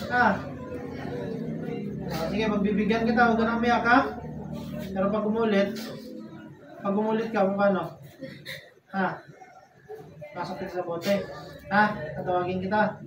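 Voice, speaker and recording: A faith healer grills a spirit during a deliverance session, stern and taunting, firing short demanding questions one after another. The voice sounds set back from the mic in an echoey room, with steady noise underneath. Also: mid-range voice, recorded from a distance.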